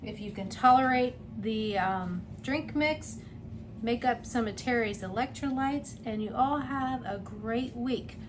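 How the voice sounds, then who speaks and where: Her voice is fairly high and unhurried as this cooking vlogger talks to her audience from a home kitchen while she cooks. She keeps things chatty and warm, addressing viewers as "guys," and the recording carries a lot of household noise.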